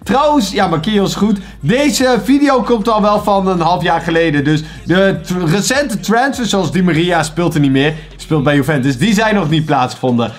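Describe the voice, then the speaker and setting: A young man with a Dutch accent, chatting casually and excitedly as he plays a football quiz for his channel, muttering to himself as he guesses. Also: high-pitched, moderate pace, few pauses. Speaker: YouTuber playing a quiz. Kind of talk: casual commentary while guessing.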